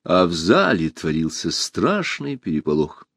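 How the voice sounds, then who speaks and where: A man narrating a fantasy story for an audiobook in an expressive storytelling manner. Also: sits low, unhurried, vocal fry, slightly rough, no room sound, clean studio sound. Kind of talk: audiobook narration of a fairy tale.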